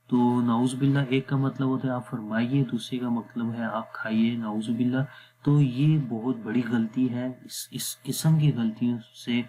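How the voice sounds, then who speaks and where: A man teaching Quran recitation rules in a patient lesson, often checking whether the listener follows and slowing down to sound out Arabic words. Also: mid-range voice, a little mellow, a little hiss or hum. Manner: patient, repeats "theek hai?" to check understanding. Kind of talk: explanatory lesson.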